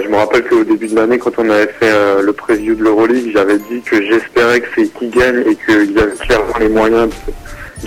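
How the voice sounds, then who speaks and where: A man's voice: lowish voice, poor audio. A man calling in over the phone as a basketball consultant, giving casual sports analysis with many hesitations and restarts.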